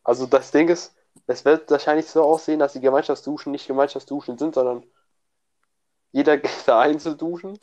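A man's voice: on the high side, steady tone, a little fast, darkish tone, lo-fi sound. A young man, a student, in casual chat, slangy and laughing often, with many restarts. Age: young adult.

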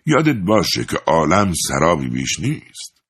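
A man's voice: deep voice, huge pitch swings, fairly bright tone, breathy edge, exaggerated voice. A man reading a blunt male sidekick detective. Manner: blunt, exclaiming.

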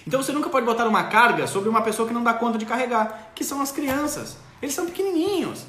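A man hosts a parenting live stream from a roomy space that leaves a clear echo on his voice. He speaks high and swoops through his pitch, acting out parents and children in an animated way. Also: quick pace. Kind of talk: casual live-stream advice.

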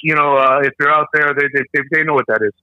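A man heard through a phone speaker, his voice thin and tinny over the line. The sound is very bright and completely dry, with no room around it. He chats casually, joking and rambling as he goes. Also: fairly high pitch, fairly even intonation, fast, clean tone, dry recording. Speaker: guest on call. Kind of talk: casual chat.

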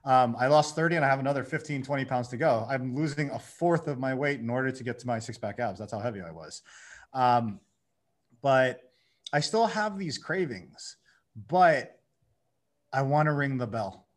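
A man in his thirties, a guest on a podcast, telling his story in a lively way and acting out his own inner dialogue. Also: medium pitch, normal speed. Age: 30s. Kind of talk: casual conversation.

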